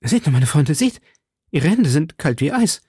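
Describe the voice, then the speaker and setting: A man's voice: a little high, sing-song, moderate pace, dark tone, slightly rough, no room sound, clean studio sound, voice pushed up. A man voicing a frightened young woman who grows faint, with a breathless, pleading, lifted voice. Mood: faltering.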